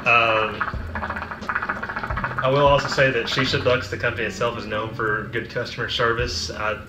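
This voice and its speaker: A man's voice: mid-range voice, level tone, moderate pace, background noise. A man giving a casual, conversational product review. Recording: roomy echo, music behind. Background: music.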